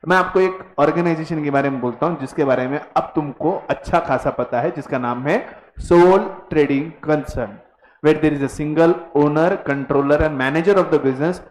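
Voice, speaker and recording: A man with a voice on the high side teaches a commerce class at a moderate pace, mixing Hindi and English, teasing his students, and drilling them to repeat words. The classroom lecture audio is poor, roomy, and carries a little hiss or hum.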